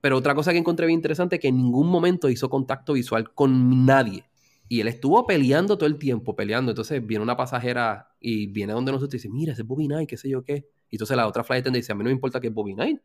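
A man with a Puerto Rican accent, a flight attendant, telling anecdotes in casual chat, filling pauses with "este". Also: medium pitch. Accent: Puerto Rican Spanish. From Puerto Rico.

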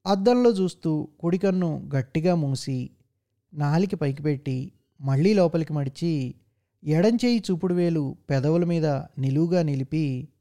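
A man reading a story aloud as narrator, in a measured, steady way. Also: a little high.

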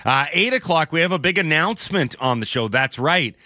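A man's voice: a little high, animated, brisk, bright, forceful tone. A man hosting a sports radio morning show, reading the rundown and sponsors with dry banter. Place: radio studio.

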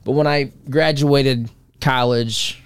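A man's voice: medium pitch, steady tone, slow pace, smooth, no echo. A man in his forties, hosting a talk show, speaking in a rambling, conversational way with frequent restarts. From United States. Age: 40s. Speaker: radio talk show host. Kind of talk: casual monologue.

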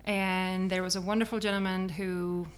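A woman's voice: lowish voice, little pitch movement, normal speed, smooth. A middle-aged woman from the Czech Republic with a Czech accent, speaking conversationally as an interview guest. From Czech Republic, grew up in Prague. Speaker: interview guest, real estate agent.

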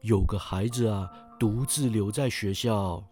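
A man voicing a calm, knowing ghost who speaks slowly and quietly, in a told story. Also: on the low side, faint music behind, voice pushed down, natural voice. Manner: slow, hushed and measured. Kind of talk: storytelling narration.

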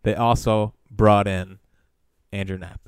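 A man's voice: fairly low pitch, fairly even intonation, slow pace, smooth, dry recording. A man co-hosting a casual sports podcast, teasing and playful with his co-host.

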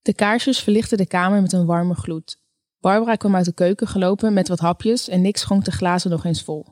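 A woman narrating a story in a calm, measured reading voice. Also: fairly low pitch, no room sound, clean studio sound. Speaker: audiobook narrator. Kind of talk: scripted narration.

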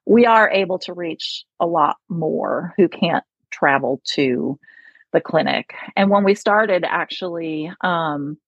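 A woman's voice: fairly low pitch, slow pace, slightly rough, no room sound, highs cut off. A woman with an upstate New York accent, a speech therapist chatting as a guest in an interview, laughing often and using many fillers. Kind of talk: conversational interview.

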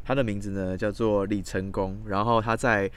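Low-voiced man co-hosting a chat podcast. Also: little pitch movement, moderate pace, clear, resonant tone. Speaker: podcast co-host. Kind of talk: casual chat.

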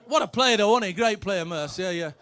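Brief: middle-aged ex-player man, high voice, brash comic yarns. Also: lively intonation, brisk, a bit bright, clean tone. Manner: brash, punchy, sweary punchlines. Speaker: former footballer telling stories. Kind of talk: comic anecdotes, stand-up storytelling.

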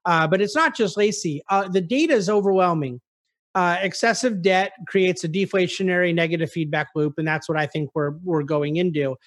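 Here a man with a high voice talks a little fast as an investment officer on a conference call. Answering investor questions, he explains things articulately and with emphasis, offering market commentary.

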